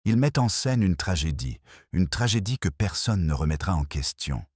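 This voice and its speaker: A man reading the lines of a shrewd, calm elderly woman detective in a storybook tale, speaking gently and measured. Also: low-pitched, husky, no room sound, clean studio sound, full character voice. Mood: quietly firm.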